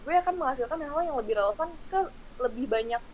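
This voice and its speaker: A woman's voice: high voice, lively intonation, a little mellow, a little hiss or hum, low-quality recording. A 19-year-old woman with a Jakarta slang accent, a podcast guest explaining her views earnestly. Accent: Jakarta slang Indonesian. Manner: quick, earnest, explains her opinions at length. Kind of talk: casual chat.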